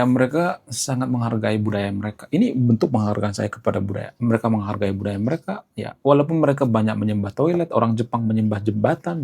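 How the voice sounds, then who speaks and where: A man in a casual, opinionated monologue to his viewers, rambling through long lists with lively jumps in tone. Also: fairly low pitch, vocal fry, breathy edge. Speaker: YouTube commentator.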